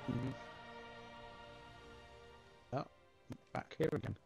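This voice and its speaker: A man's voice: very slow, rough recording. A man playing a game with a friend who answers in short, laid-back replies. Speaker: co-player. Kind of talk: casual gaming chat. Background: game music.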